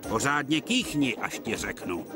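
Jolly train driver in a cartoon dub, hearty, plotting, done by a man, lively tone, music behind. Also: medium pitch, voice pushed up, natural voice. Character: jolly, scheming male train engine driver.

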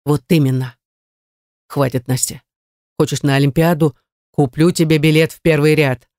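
A reader voicing an angry, domineering young politician who talks in a curt, scornful way. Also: male voice, on the high side, fairly even intonation, moderate pace, darkish tone, dry recording, studio quality, close to an everyday voice. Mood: cold.

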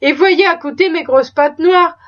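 A woman's voice: extremely high pitch, measured pace. A woman voicing a proud, talkative, pious female cook who chatters in a folksy, exclaiming way. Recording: slightly dull lo-fi recording.

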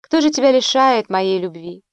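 A woman reading an audiobook, voicing a young male Roman emperor who is vain, boastful and quick to anger. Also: fairly high pitch, expressive, clear, resonant tone, no echo, lightly acted. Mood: irritated. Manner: boastful, irritable, impatient. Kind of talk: audiobook narration.

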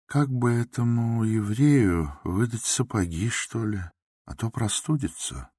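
A man voicing a meek, soft-spoken middle-aged doctor in an audiobook, talking quietly and apologetically. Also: mid-range voice, a little slow, breathy edge, dry recording, clean studio sound, pitched above the performer's own voice. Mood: gentle. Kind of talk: audiobook character voice.

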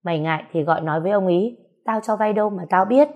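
A woman's voice: medium pitch, quick pace, a little mellow, lo-fi sound, natural voice. A woman reading a story aloud, voicing a bossy, foul-mouthed older woman. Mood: scolding. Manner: blunt, scolding, swearing.

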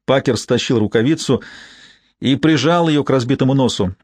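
Man reading a story, measured. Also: mid-range voice, a little mellow, no room sound, studio quality. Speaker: audiobook narrator. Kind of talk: scripted narration.

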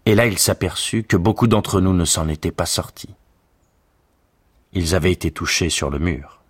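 A man reading a literary narration in a measured, solemn way. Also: sits low, husky.

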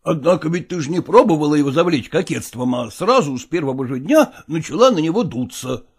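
A man playing a pragmatic older merchant father who coaxes his daughter in a dramatized reading, with a husky, gravelly voice and folksy persuasion. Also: a little high, expressive, brisk. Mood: coaxing.

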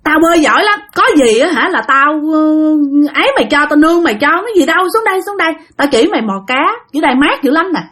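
A woman's voice: high voice, expressive, quick pace, hardly any pauses, voice pushed up. A woman doing a brash, coaxing country boy. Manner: loud, insistent, teasing.

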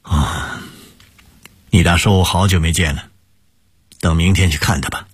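A man's voice: deep voice, unhurried, slightly rough, no room sound. A man voicing a jovial, doting middle-aged shopkeeper father. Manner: hearty, doting.

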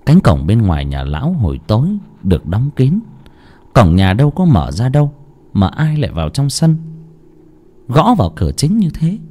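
A man narrating a horror story in a slow, dramatic, suspenseful way. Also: medium pitch, huge pitch swings, mellow.

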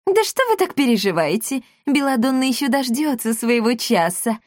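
A woman reading aloud, voicing a pushy, bustling female matchmaker with a brisk, persuasive manner. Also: on the high side, big pitch swings, darkish tone, no room sound, studio quality, voice pushed up.

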